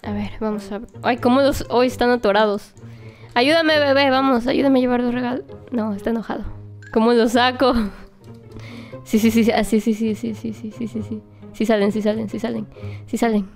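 A young woman narrating her doll play in a lively, exclamatory way, talking to the toys like a babysitter. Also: fairly high pitch, normal speed, soft background music. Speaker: toy play vlogger.

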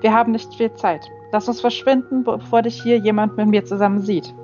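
A woman's voice: medium pitch, steady tone, fairly quick, mellow, close to an everyday voice. A hard, battle-worn female angel used to giving orders, speaking in clipped, urgent commands, as a woman reading an audiobook puts her on. The sound is a little dull, with faint music underneath. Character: stern commanding older female warrior angel.

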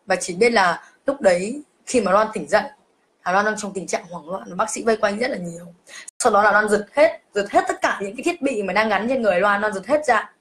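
A young woman on a live stream emotionally tells her own ghost story, referring to herself by name. Her voice is medium in pitch and fairly bright, she talks a little fast, and there's faint background noise.

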